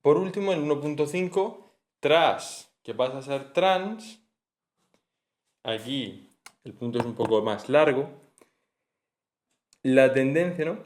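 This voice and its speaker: A man's voice: mid-range voice, slow, pauses often. A man giving an informal exam-prep lesson, chatty and thinking aloud, with frequent tag questions and self-corrections. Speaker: teacher. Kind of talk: casual exam-prep lecture.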